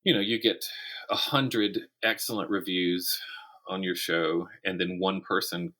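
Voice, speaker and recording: The voice is low-pitched, bright and forceful, with fairly even intonation and a slightly slow pace. It belongs to a middle-aged writer who, as an interview guest, reflects conversationally on writing craft and keeps restarting phrases.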